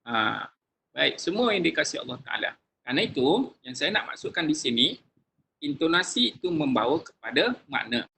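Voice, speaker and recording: A male religious teacher giving a lecture to a class, lively and acting out sample phrases in changing tones, addressing listeners warmly with frequent religious phrases. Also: on the high side, moderate pace, gravelly, slight background noise, low-quality recording.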